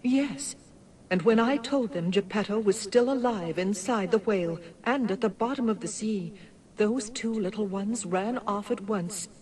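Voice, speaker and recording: A woman voicing a kindly, solemn fairy in an animated video game, speaking gently and formally. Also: medium pitch, measured pace, close to an everyday voice. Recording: slightly distant, faint background noise.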